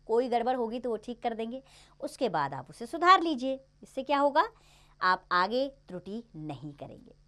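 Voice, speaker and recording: A woman teaching young children in a recorded lesson, her voice rising and falling in a lively, animated way. She is patient and encouraging, and keeps checking in with the class. When she counts, she says each number slowly and clearly. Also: on the high side.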